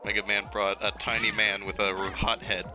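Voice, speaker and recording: A man's voice: on the low side, little pitch movement, a little fast. Joking man commenting over game music. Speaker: let's play co-host. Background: video game music.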